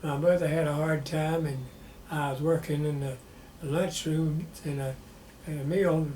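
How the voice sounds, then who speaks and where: An old war veteran in his nineties with a Southern US accent remembers his life in a plainspoken, halting way during an interview. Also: a little high, steady tone, mellow. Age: 90s. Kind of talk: personal reminiscence in an interview. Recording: roomy echo with faint background noise.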